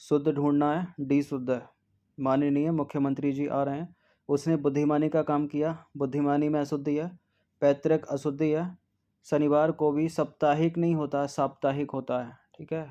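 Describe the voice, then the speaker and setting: Guy tutoring exam answers, says words twice, mellow flat voice. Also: on the high side, muffled recording. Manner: drills spellings slowly, repeats words, frequent "ठीक है". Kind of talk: test-series answer walkthrough.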